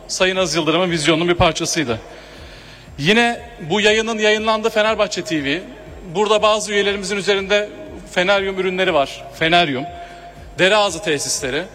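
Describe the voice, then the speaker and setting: A man speaking from a podium microphone in a large hall as he addresses a general assembly. He delivers a formal, measured speech with hesitating fillers. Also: high-pitched, a bit bright. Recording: long hall reverb, faint room noise.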